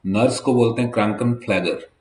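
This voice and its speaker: A man teaching a German vocabulary lesson in at a whiteboard, slowly spelling out each word letter by letter. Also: on the low side, darkish tone, echoey room. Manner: slow, spells words letter by letter. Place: classroom with whiteboard.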